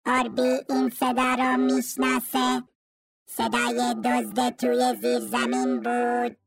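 A woman's voice: a little high, completely flat delivery, vocal fry, husky, soft background music. A woman voicing a small, dutiful robot from a children's storybook, speaking stiffly and literally, referring to itself by name. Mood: flat, insistent. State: battery running down, voice sagging low and slow. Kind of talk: storybook reading.

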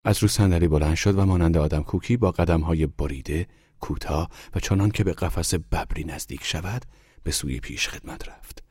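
A man reading a literary story aloud in a hushed, unhurried storytelling manner. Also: deep voice, slightly rough, dry recording, studio quality. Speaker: audiobook narrator. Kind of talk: scripted literary narration.

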